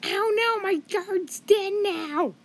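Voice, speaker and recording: A man voicing a mock-sinister cartoon villain in a slow, creaky, high put-on voice with a mustache-twirling delivery. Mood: mock dismay. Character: gleeful cartoon top-hat villain, mock-sinister and dim.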